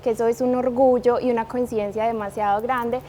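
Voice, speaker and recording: A woman's voice: a little high, fairly even intonation, a little fast, warm tone, a little hiss or hum. Colombian woman, earnest interview guest. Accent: Colombian, from Manizales. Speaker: guest, liquor brand manager. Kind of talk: interview conversation.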